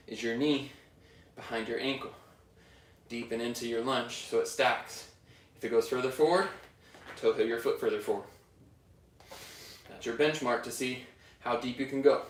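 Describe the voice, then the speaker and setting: Man cueing yoga in a roomy studio. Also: mid-range voice. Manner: calm directive cueing, breath-paced. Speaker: yoga teacher. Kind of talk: guided yoga class instruction. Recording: roomy studio echo from far off.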